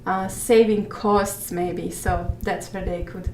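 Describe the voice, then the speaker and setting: A woman's voice: fairly low pitch, fairly even intonation, slow pace, a little mellow, a little hiss or hum. Hungarian-born woman, 30s, reflective guest talk, kinda far from the mic, roomy echo. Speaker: interview guest. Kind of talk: casual interview conversation. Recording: echoey room, mic at a distance.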